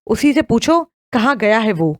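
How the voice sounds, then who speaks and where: A woman's voice: fairly high pitch, sing-song, no echo. A woman voicing a bitter, resentful middle-aged mother who answers curtly and sarcastically in an audio novel. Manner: curt, sarcastic replies.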